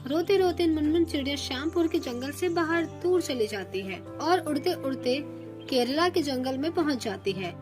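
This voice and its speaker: A woman narrating a children's cartoon story in a steady storytelling manner. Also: high voice, normal speed, over music.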